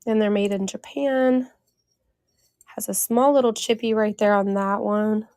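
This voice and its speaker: A woman with a crackly, hoarse voice chatting informally as she hosts a casual live sale, often repeating her phrases. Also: medium pitch, fairly even intonation, measured pace, a little mellow, no room sound. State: hoarse, with inflamed vocal cords and throat clearing. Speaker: live-sale host selling vintage glassware. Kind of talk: casual live selling chat to viewers.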